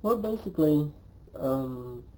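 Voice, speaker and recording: A Cambodian man in his twenties recounts his life in English during an oral history interview, his fairly high voice animated and warm. He's hesitant, often stopping to say um. The audio is poor.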